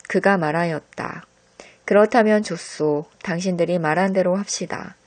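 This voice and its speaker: Calm woman reading scripture aloud. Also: on the low side. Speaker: scripture reader. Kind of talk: devotional Bible reading.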